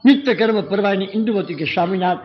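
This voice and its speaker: A man with a high voice tells a devotional story in sermon style, dramatic and speaking straight to his listeners. The recording is dull and lo-fi, with faint birdsong in the background. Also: normal speed, slight background noise. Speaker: religious storyteller.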